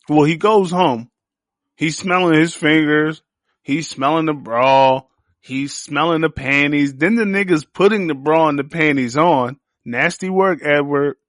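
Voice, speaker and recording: A man's voice: on the high side, no room sound, clean studio sound. A young man hosting a podcast, reviewing a series in a crude, joking, slangy riff full of profanity. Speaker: podcast host.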